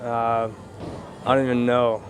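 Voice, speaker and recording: Low-key man with a flat delivery. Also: measured pace, a little hiss or hum. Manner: low-key, modest, matter-of-fact. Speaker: professional MMA fighter. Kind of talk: casual interview answers.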